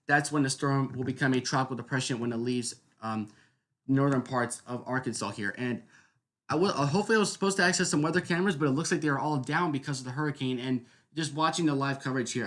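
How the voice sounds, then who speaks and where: He has a somewhat high, slightly bright voice as he hosts a live weather broadcast online. Unscripted and conversational, he walks through explanations and keeps asking listeners whether they agree.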